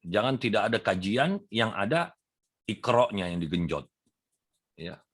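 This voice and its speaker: Lively male preacher. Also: unhurried. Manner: lively, swings pitch up and down, acts out quoted listeners. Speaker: preacher and motivator. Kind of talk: religious sermon.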